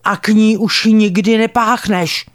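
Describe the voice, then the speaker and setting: A woman's voice: no room sound, clean studio sound, lightly acted. A woman voicing a furious old grandmother who shrieks and scolds a child in a storybook reading. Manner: shrill, scolding.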